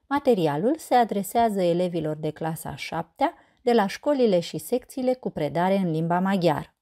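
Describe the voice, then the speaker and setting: Lively-voiced woman teacher reading a lesson. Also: lowish voice. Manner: slow, careful pronunciation of example words. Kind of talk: scripted lesson narration.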